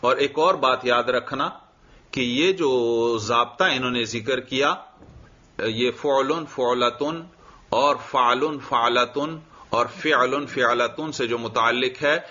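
Male teacher, slow deliberate delivery, reads then explains, lo-fi recording. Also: mid-range voice, pushed and bright. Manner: reads a line of the text, then explains it and quizzes students. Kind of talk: classroom lecture explaining a text. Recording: dull lo-fi recording.

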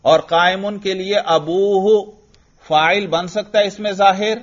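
A man's voice: high voice, fairly even intonation, highs cut off. A man teaching Arabic grammar in a classroom lesson, asking questions and answering them himself step by step.

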